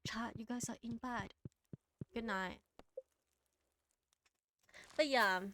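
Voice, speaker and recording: A woman's voice: fairly high pitch, slow pace, sharp tone, slight background noise. A woman chatting casually on a game livestream as the streamer, rambling with lots of fillers, trailing off and restarting as she talks to chat.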